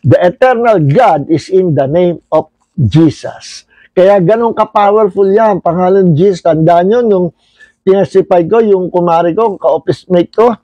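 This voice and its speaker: A man's voice: sits high, mellow, no echo, poor audio. A man with a Filipino accent, a pastor teaching an online Bible study, telling stories as he goes and tagging his points with a questioning "no?". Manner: storytelling, mixes Tagalog and English, frequent "no?" tag.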